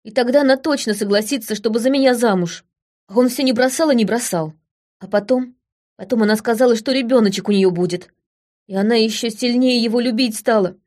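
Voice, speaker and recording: A woman voicing a hurt young village man who confesses haltingly and repeats himself. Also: on the high side, a little mellow, voice pushed up, close to an everyday voice. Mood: aggrieved.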